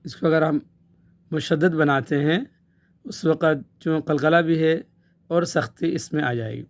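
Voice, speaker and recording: A man's voice: fairly high pitch, fairly even intonation. A man teaching Quran recitation, patiently explaining letter sounds and repeating short syllables for practice. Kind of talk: Tajweed lesson with drills.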